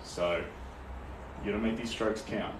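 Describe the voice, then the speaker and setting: A man's voice: fairly low pitch, fairly even intonation, a little slow. A young man with a New Zealand accent chatting casually and encouragingly while he paints on a livestream. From Tauranga, North Island, New Zealand. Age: young adult. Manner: easygoing, encouraging, reads out viewers' comments. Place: small indoor art studio. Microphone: camera or phone a few steps away. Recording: roomy, distant mic, faint noise.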